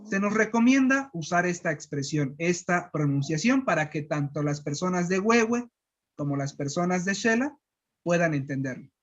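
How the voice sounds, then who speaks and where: Un profesor de Guatemala que enseña pronunciación con calma, repitiendo sílabas despacio. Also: medium pitch, lo-fi sound. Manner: patient, repeats syllables slowly. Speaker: language teacher. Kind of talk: slow pronunciation lesson.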